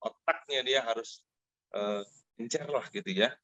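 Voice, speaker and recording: A middle-aged man speaks over a muffled, lo-fi video call. The room sounds dry and close. He tells a personal story in a lively way and stops often for fillers and asides to his friends. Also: medium pitch, measured pace, no echo. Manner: animated storyteller, addresses listeners as friends, many fillers. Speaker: Zoom meeting host giving a product testimonial. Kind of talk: casual spoken testimonial to an online group.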